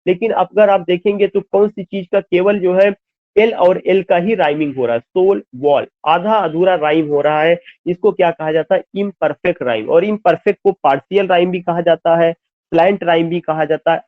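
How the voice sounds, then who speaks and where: A man's voice: high voice, no echo. A man teaching, explaining exam questions step by step and mixing Hindi with English terms, asking and answering his own questions. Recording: dry, tinny phone-like sound.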